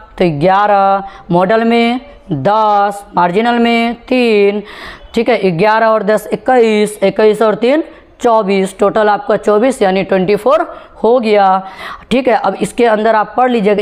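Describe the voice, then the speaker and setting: A woman's voice: a little high, a little mellow. A woman teaching a spoken English class. She drills words for the class to repeat and keeps reassuring them with "okay". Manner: repetitive drilling, asks the class to repeat after her. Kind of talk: classroom lesson.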